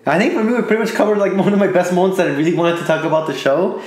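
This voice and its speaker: A man's voice: high voice, rapid-fire, darkish tone. A man co-hosting a casual review chat, laughing easily and steering the talk with questions. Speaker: podcast co-host. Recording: echoey room.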